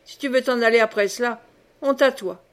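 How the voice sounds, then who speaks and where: A woman's voice: on the high side, brisk, natural voice. A woman reading the part of a blustering, swearing knight commander in an audiobook. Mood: gruff.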